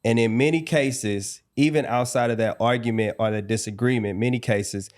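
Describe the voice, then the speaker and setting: Guy cohosting a couples podcast, teasing, slows way down to explain stuff. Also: medium pitch, darkish tone. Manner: teasing, then slow and deliberate when explaining. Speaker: podcast co-host. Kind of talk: casual couples podcast chat.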